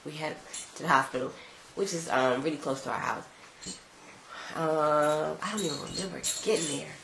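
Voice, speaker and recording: A woman's voice: low-pitched, moderate pace, creaky. A congested woman vlogging at home, casually telling a personal story and acting out the dialogue. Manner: animated retelling, acting out quoted dialogue. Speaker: vlogger mother. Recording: echoey room with faint background noise.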